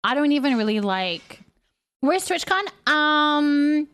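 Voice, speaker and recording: A woman livestreamer with a high, slightly bright voice speaks slowly, her pitch swinging widely. She chats casually and ramblingly with viewers, giggling as she reads and answers their messages.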